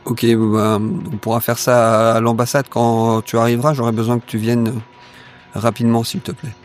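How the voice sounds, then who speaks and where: A man playing a tabletop role-playing game, improvising his lines and actions in a hesitant, measured way. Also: mid-range voice, little pitch movement, faint music behind. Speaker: tabletop role-play player. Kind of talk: improvised in-character play and narration.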